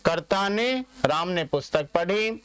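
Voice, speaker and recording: Male teacher from India, slow and drilling, smooth voice. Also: high-pitched, animated, fairly bright tone. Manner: asks questions and answers them himself, repeats words slowly. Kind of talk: classroom grammar lesson.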